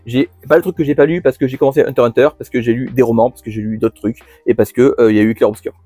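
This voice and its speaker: A man's voice: medium pitch, steady tone, very fast, mellow, no room sound, soft background music. A man hosting a casual monthly manga haul video, chatty, with many fillers and restarts. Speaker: manga channel host.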